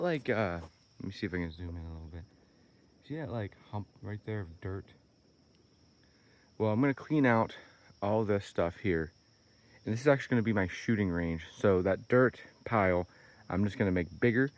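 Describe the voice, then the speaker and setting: Man with a tired, husky voice. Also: lowish voice, darkish tone. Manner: rambling, upbeat, thinking aloud. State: tired, slightly hoarse voice. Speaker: vlogger. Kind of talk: casual vlog walkthrough. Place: outdoors on wooded property.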